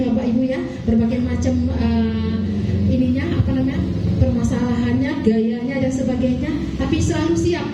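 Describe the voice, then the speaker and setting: A woman from Aceh gives a formal public address in a meeting hall to neighborhood leaders at a training session, hesitating often with fillers and polite apologies. Her voice is high-pitched over a noisy background, and she sounds distant in the echoey hall.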